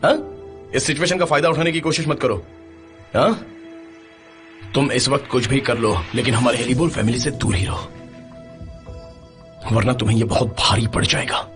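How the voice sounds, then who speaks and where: An actor playing a hot-tempered, protective elder brother in a dubbed TV drama, confrontational and threatening. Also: male voice, fairly high pitch, fairly quick, long pauses, a bit bright, faint music behind, lightly acted.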